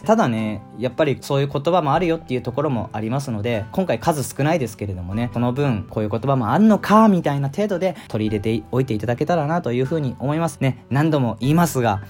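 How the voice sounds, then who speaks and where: A man teaches a video language lesson, talking quickly and emphatically. His pitch swings widely as he stresses his points. Quiet music plays underneath. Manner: animated, emphatic lecturing.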